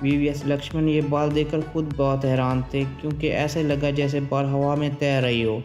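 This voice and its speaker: A man's voice: mid-range voice, moderate pace. Man narrating a sports countdown. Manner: steady, formal countdown delivery. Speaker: channel narrator. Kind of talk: scripted voice-over narration. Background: faint background music.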